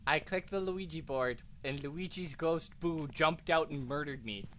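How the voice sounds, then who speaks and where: A streamer chatting casually and excitedly while playing a game with a friend. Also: mid-range voice, normal speed, a little hiss or hum. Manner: excitable, animated, joking. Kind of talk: casual gameplay chat.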